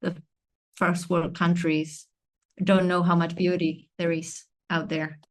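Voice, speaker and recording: A woman from Argentina, a podcast guest, talking thoughtfully and searching for words with many pauses. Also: lowish voice, level tone. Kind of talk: reflective conversation.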